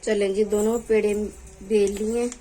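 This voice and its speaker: A woman's voice: medium pitch, flat delivery, measured pace, warm tone, soft background music, poor audio. A young woman hosting a home cooking tutorial in her kitchen, chatting as she works and pleading with viewers to subscribe. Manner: talks while cooking, voice drops off-mic at times. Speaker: cooking channel host.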